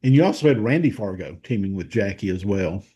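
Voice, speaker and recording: Speaking with a Southern accent, this Tennessee man appears as a guest historian in a relaxed interview, pausing as he searches for words while recalling details. His lowish voice sounds animated and warm, with some breathiness.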